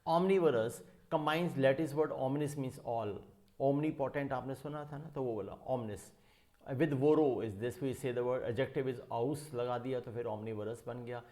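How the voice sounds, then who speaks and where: Man, Indian English accent, vocabulary teacher, mixes Hindi and English, slow deliberate reading. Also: mid-range voice, dark tone. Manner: mixes Hindi and English, reads English text slowly and explains quickly in Hindi. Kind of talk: classroom lecture explaining word roots.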